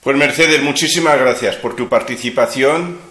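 Blunt male host, bright echoey voice. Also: mid-range voice, moderate pace. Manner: blunt, scornful, rhetorical questions. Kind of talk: casual chat. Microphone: video call.

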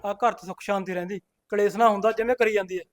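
A man plays an exasperated farmer husband. His voice is unusually high for a man, and he lectures in quick, impatient bursts. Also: steady tone, natural voice. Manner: exasperated, lectures and pushes the women to hurry. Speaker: elder brother and farmer of the house. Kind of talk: comedy skit acting.

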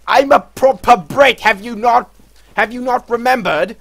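A man voicing a pompous, prim British gentleman in a put-on posh British accent, scolding in a haughty, drawn-out way during game commentary. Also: very high-pitched, creaky, pitched above the performer's own voice, full character voice. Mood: indignant. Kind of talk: let's play commentary.

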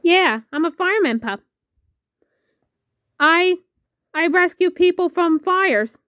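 A woman's voice: very high voice, expressive, slow pace, dry recording, dull audio, full character voice. A woman voicing a small, scared stray male puppy who talks in a timid, then eager, way, in a fan-made toy parody. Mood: proud.

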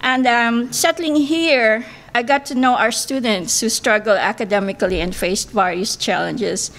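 In a banquet room, a middle-aged woman from the Philippines running for office speaks into a podium microphone, her English, a second language, carrying a Filipino accent. Her voice is on the high side and fairly bright, at a moderate pace. She comes across as earnest and careful, with hesitant fillers.

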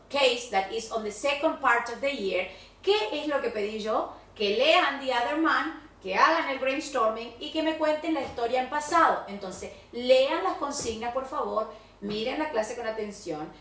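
Argentine woman, English teacher, high bright voice, roomy and distant recording. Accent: Argentine Spanish. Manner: slow, drilled English words mixed with brisk Spanish explanations. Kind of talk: recorded video class feedback. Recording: echoey room, voice a bit far from the mic.

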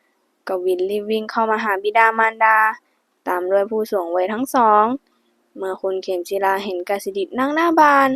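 A woman reading a romance audiobook in an even storytelling voice, close to the mic. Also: mid-range voice, fairly quick, no echo. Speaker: audiobook narrator. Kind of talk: scripted romance narration.

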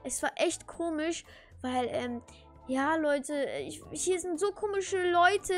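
A woman voicing an excitable, whiny thirteen-year-old boy who talks in exclamatory slang in a Minecraft role-play video. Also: sits high, slow, faint music behind. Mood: puzzled.

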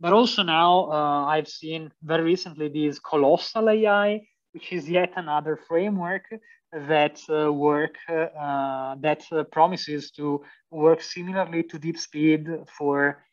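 A man's voice: fairly high pitch, steady tone, measured pace. A young man with an Italian accent, a PhD student giving a university lecture, hesitant with many fillers and restarts. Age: young adult. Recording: distant, dull lo-fi sound.

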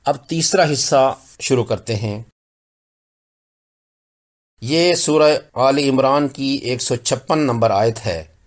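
A man from Pakistan teaching Quran recitation rules, repeating example words slowly and carefully. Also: medium pitch. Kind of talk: slow explanatory lesson with recited examples.

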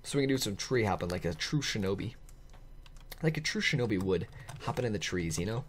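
Brief: male gaming host, let's play commentary, excitable and chatty, pitch swinging all over, faint keyboard clicks behind. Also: a little fast, slight background noise. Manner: excitable, talks to viewers, often laughs.

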